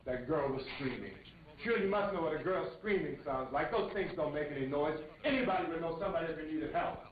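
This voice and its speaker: A man as a firm, fast-talking horror survivor. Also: a little high, lightly acted. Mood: angry. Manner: firm, urgent. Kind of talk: 1960s film acting. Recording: roomy, dull old film soundtrack.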